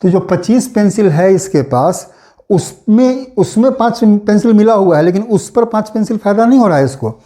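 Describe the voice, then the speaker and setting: A man's voice: high voice, expressive, moderate pace, warm tone. A man teaching maths, patiently explaining a problem step by step and repeating key points, mixing terms into his speech. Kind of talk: classroom explanation.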